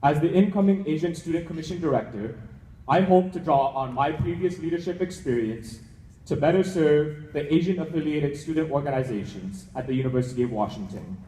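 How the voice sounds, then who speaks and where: A man's voice: fairly high pitch, brisk, mellow, a little hiss or hum. A young man with a Hawaiian accent giving a prepared, formal speech as a student. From Hawaii, United States. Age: young adult. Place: large indoor event hall. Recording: echoey hall with long reverb.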